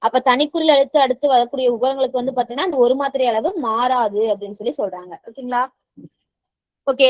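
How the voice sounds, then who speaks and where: A woman with a high voice teaches a grammar lesson, regularly checking in with her students and slipping English words into her explanations. The recording is dry, dull, and slightly muffled.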